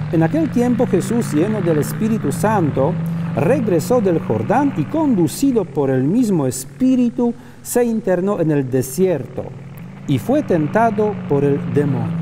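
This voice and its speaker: A middle-aged man, a friar, giving a chatty, plain-spoken sermon outdoors while riding a motorbike on a city street. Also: high-pitched. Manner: chatty, plain-spoken, with homely everyday examples. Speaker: friar preacher. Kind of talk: informal sermon on the road. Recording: open-air street with traffic noise. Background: passing cars and street traffic.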